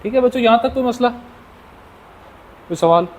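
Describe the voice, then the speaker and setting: A man's voice: very high voice, a little slow, a little mellow, a little hiss or hum. A man teaching a language class as the lecturer. He repeats questions back to his students and drills the answers. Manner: addresses the class as children. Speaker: Arabic teacher.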